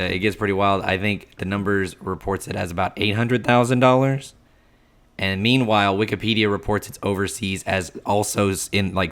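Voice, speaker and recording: A man co-hosting a podcast, his voice hoarse and froggy from a cold, casually running through film facts in a halting, self-correcting way. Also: low voice, fairly bright tone. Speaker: podcast co-host.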